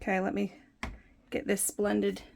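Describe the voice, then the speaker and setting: Chatty young woman with a gravelly edge. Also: mid-range voice, completely flat delivery, a little slow, a little mellow, slight background noise. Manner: chatty and self-deprecating, narrates each step as she works. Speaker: soap maker and channel host. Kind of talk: casual how-to vlog. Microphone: phone propped on a windowsill.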